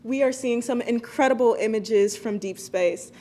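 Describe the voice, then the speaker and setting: A woman anchoring a student TV newscast, reading stories in a clear, steady way. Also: a little high, moderate pace. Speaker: news anchor. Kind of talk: read news.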